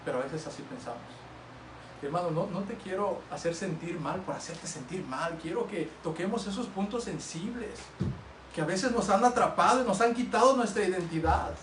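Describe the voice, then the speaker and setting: High-voiced pastor preaching in an echoing church. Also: male voice, a little hiss or hum. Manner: earnest, swings between loud exhortation and hushed storytelling. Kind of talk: sermon. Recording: roomy, distant church livestream sound.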